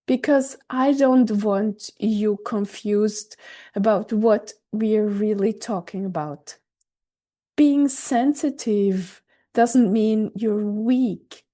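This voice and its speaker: A woman hosting her own podcast, speaking a scripted reflective monologue with a gentle, reassuring delivery. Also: a little high. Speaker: podcast host. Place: recorded in Switzerland.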